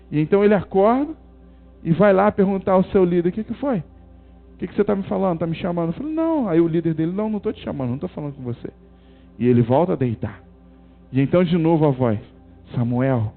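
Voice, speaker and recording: A man with a high voice preaching at a church service, stressing each short phrase and repeating it. The recording is thin and muffled, as if over a phone, with soft music in the background. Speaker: pastor. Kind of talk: sermon. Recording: tinny phone-like sound with faint music.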